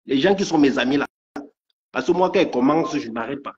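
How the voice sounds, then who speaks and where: A man's voice: mid-range voice, animated, fast, darkish tone. Ranting man on a lo-fi live stream. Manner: threatening, repetitive, stammering. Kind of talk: angry live rant. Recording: dull lo-fi stream audio.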